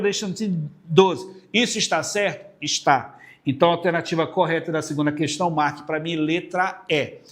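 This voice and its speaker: A fairly high-pitched man from Brazil, middle-aged, teaching an exam-prep literature class. He talks straight to his students in a relaxed classroom way. He keeps asking questions and answering them himself. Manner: explanatory, asks and answers his own questions; casual classroom tone, addresses students directly. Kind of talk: exam-prep video lesson.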